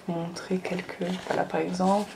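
A woman's voice: lowish voice, flat delivery, fast talker, creaky, noisy background. A young woman chatting casually through a manga haul video, filling her talk with small fillers. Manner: chatty, many fillers and "donc voilà". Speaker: manga vlogger. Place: sunny room at home.

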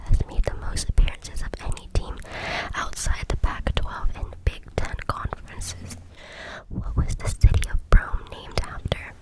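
An ASMR reader speaks entirely in a cupped-hand whisper. The voice is unvoiced and very close to the microphone, reading out short questions and facts. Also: rough recording. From Cambodia. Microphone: very close to the mic, hands cupped.

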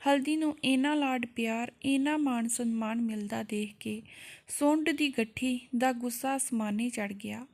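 A woman narrating a folk tale in a measured, expressive way. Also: fairly high pitch. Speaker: storyteller.

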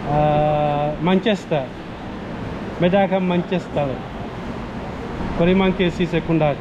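A man's voice: on the high side, fairly even intonation, slow, highs cut off. A man in his thirties with a West African accent, chatting casually as a travel vlogger in a busy airport hall. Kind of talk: casual vlog chat to camera and at check-in. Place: large busy airport departure hall, indoors. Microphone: camera held at arm's length. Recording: loud airport terminal background noise.

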